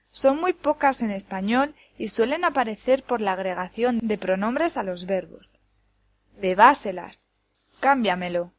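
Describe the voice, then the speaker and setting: A woman teacher from Spain reading a scripted lesson clearly and deliberately, slowing down to spell out syllables. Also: a little high, dry recording. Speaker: Spanish teacher.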